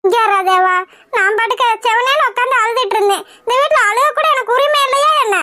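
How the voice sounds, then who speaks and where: A woman's voice: very high voice, quick pace, bright, forceful tone, dry recording. A woman voicing a weepy, complaining young daughter-in-law in a cartoon comedy, in a whiny voice.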